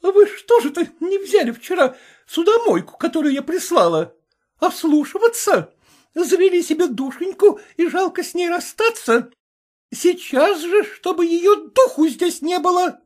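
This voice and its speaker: A man's voice: extremely high pitch, very animated, moderate pace, a little mellow, pitched above the performer's own voice. A man reading aloud voices a furious, jealous middle-aged woman who screeches accusations at a cook. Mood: imperious.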